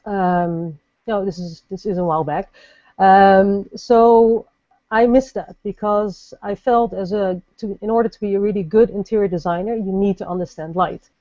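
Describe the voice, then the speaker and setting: A woman from the Netherlands, a guest lighting designer, answering interview questions thoughtfully with many pauses and fillers. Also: mid-range voice, steady tone, mellow, no room sound, lo-fi sound. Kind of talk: podcast interview.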